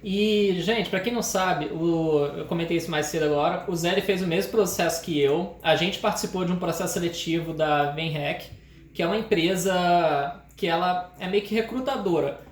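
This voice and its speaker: A woman's voice: fairly low pitch, moderate pace. A woman hosting a casual live-stream chat, chatty and joking with her guest. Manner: chatty, jokey. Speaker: host. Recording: roomy, faint noise.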